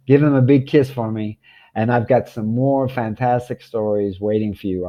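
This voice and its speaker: A man's voice: on the low side, muffled recording. An older man telling children a rambling personal travel story, full of ums, restarts and chuckles.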